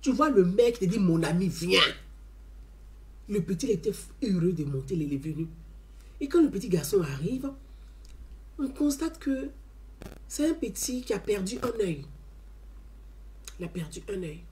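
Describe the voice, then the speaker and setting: A woman telling an animated story as a testimony. She talks emphatically, repeats her phrases and often adds "hein". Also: mid-range voice, moderate pace, pauses often, a little hiss or hum. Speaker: community member giving a testimony.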